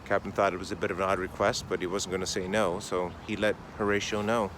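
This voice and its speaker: A man telling a faith story in a casual, conversational sermon, animated and dramatic, speeding up and slowing down as he goes. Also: deep voice, background noise. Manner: animated, conversational, dramatic swings in pace and volume.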